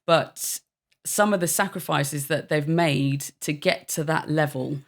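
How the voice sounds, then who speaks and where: A podcast host in casual chat, asking halting, rambling questions with frequent restarts. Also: medium pitch.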